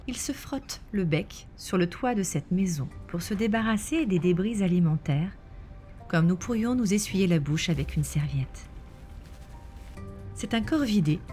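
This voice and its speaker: A woman reading scripted nature documentary narration in a measured, explanatory way. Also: lowish voice, warm tone. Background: background music.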